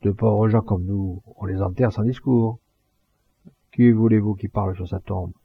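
A man's voice: lowish voice, steady tone, moderate pace, gravelly, breathy edge, no echo. A man voicing a sobbing, humble grieving spinster, in a dull lo-fi recording.

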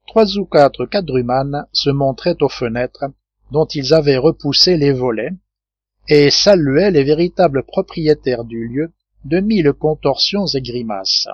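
Male narrator for a classic novel audiobook; steady, measured delivery, dull dry recording. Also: on the high side, no room sound.

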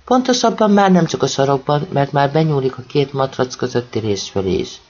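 A man's voice: medium pitch, a little mellow, husky, dull audio. Man reading a novel aloud. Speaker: audiobook narrator. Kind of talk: first-person novel reading.

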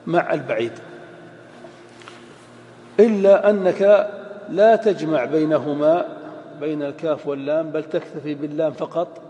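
A man's voice: on the high side, warm tone, slight background noise. Man lecturing in an echoey hall. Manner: slow, deliberate, repeats example phrases. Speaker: grammar teacher. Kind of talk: lecture explaining Arabic grammar.

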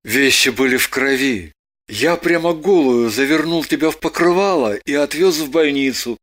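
Woman doing a glum reserved man, low subdued voice, terse, evasive answers. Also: normal speed. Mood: grave. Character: gloomy, reserved man at a hospital bedside.

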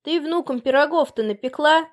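A woman's voice: high voice, normal speed, voice pushed up, close to an everyday voice. A woman voicing a burly village man of about forty who speaks bluntly and offhandedly. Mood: offhand.

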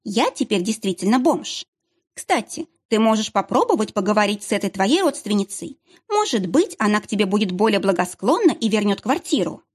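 A woman voicing a sharp-tongued, mocking young heroine with biting, sarcastic retorts. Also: medium pitch, very animated, fairly quick, slightly rough.

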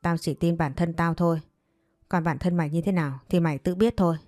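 A coarse, contemptuous middle-aged mother hurls accusations, read by a woman narrator. The voice sits low and mellow. Recorded dry, with faint music beneath. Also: fairly even intonation, fairly quick, no room sound, close to an everyday voice. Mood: scornful.

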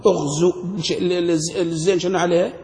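High-voiced grammar teacher in echoey hall. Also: male voice, little pitch movement, fast talker, a little mellow. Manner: quizzing students with frequent questions. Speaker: sheikh teaching Arabic grammar. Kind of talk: classroom grammar lesson.

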